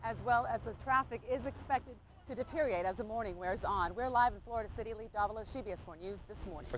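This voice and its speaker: Female field reporter, fairly high voice, live news delivery over faint street noise. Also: fast talker, low-quality recording.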